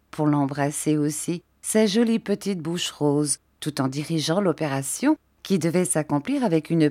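A woman reader narrating a classic novel in a calm, measured way. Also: sits low, no room sound, studio quality. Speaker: audiobook reader.

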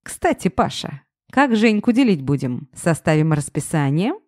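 A woman voicing a pushy, drunken ex-husband who talks cocky and loud. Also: sits low, sing-song, normal speed, no echo, studio quality. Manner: boisterous, cocky.

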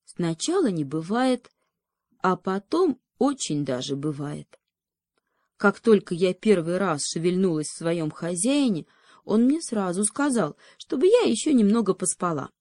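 A woman voicing a lost little female conscience in a storybook, gentle and puzzled, explaining herself patiently. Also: fairly low pitch, big pitch swings, measured pace, dry recording, clean studio sound. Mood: earnest.

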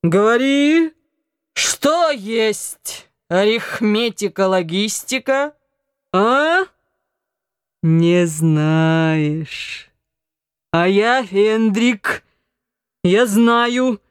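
A woman reading an audiobook, voicing a drunk, rowdy young male naval cadet who shouts hoarsely and chants in a slurred sing-song. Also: mid-range voice, animated, extremely slow, long pauses, dry recording, studio quality. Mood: drunken bellowing.

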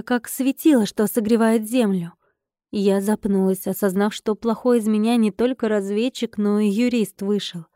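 A young woman in her twenties narrating a first-person fantasy audiobook in a steady, composed way. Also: medium pitch, no echo, clean studio sound. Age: 20s.

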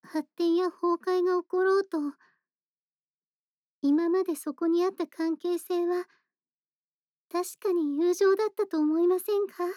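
In a soft bedtime audio drama, a woman plays a shy, bookish young woman in an intimate monologue, her very high, mellow voice recorded close and dry. She speaks politely and earnestly in a steady tone at a measured pace, pausing often and gently hesitating over each thought. The mood is earnest and reflective.

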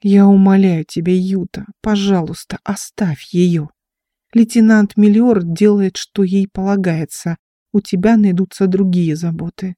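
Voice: medium pitch, fairly even intonation, measured pace, dark tone, no echo, clean studio sound, lightly acted. A reader voicing a stubborn, devoted young servant girl who speaks earnestly. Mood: pleading.

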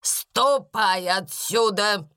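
A woman's voice: a little high, expressive, takes it slowly, pushed and bright, pitched above the performer's own voice, exaggerated voice. Woman playing a harsh, imperious schoolmistress. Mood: harsh, angry. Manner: harsh, scornful commands. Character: stern, imperious older schoolmistress.

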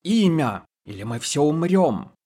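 A man voicing a sly, boastful male rogue who shouts commands. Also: a little high, big pitch swings, measured pace, husky, voice pushed up, full character voice. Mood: commanding.

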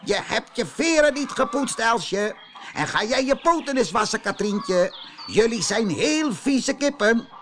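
A man voicing a bossy, strutting rooster who barks shrill commands in a storybook reading. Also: unhurried, few pauses, bright, forceful tone, soft background music, full character voice.

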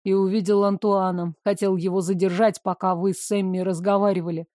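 A woman voicing a calm, reserved young man who speaks in a restrained way. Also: mid-range voice, brisk, no echo, studio quality, voice pushed down, close to an everyday voice.

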